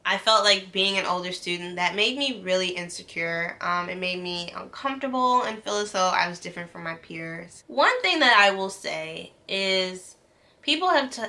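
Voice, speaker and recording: A medical student in her late twenties talks earnestly to camera in a casual vlog, her voice lowish and sharp-toned. Her speech has ums and restarts.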